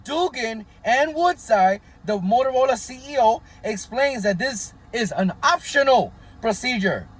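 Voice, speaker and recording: A man's voice: extremely high pitch, lively intonation, unhurried, few pauses. A man hosting a casual commentary vlog, talking in a conspiratorial tone and constantly checking in with his viewers. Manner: conspiratorial, keeps asking "right?" and hedging "allegedly". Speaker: channel host.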